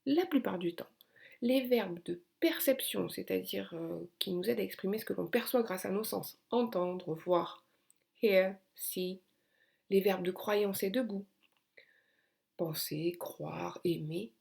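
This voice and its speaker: Woman teaching, gravelly low edges. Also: measured pace, a little mellow. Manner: clear, patient, stresses key words. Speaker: English teacher. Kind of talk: explaining grammar lesson.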